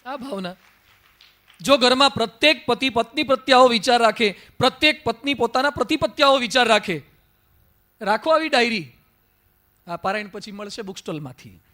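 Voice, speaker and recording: A man's voice: very high voice, expressive, a little fast, bright, forceful tone. A male monk giving a devotional sermon, emphatic and full of rhetorical questions. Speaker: monk preacher.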